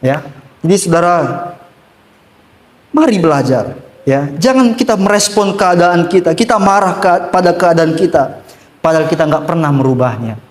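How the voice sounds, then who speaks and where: A man preaches a sermon, swinging his pitch up for emphasis and dropping it low again. He repeats phrases to drive points home. The sound rings around an echoey church room. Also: moderate pace. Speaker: pastor.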